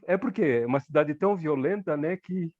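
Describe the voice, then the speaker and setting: A man telling a story casually in a rambling, animated way, with frequent tag questions. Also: on the high side, a little fast, no room sound, dull audio. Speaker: study group participant.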